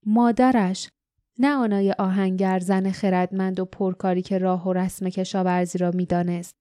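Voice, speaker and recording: A woman narrating an audiobook with steady storytelling. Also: mid-range voice, no echo, studio quality. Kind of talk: scripted narration.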